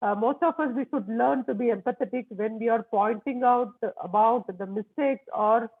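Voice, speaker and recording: A speaker acting as general evaluator, giving hesitant feedback remarks with many pauses and fillers at an online club meeting. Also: medium pitch. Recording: tinny phone-like line.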